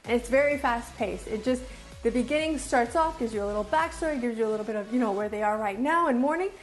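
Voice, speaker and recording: Reviewing off the cuff to camera, this woman is an enthusiastic, emphatic video host who repeats phrases for emphasis. She speaks quickly in a fairly high, expressive voice, with soft background music and a rough recording quality.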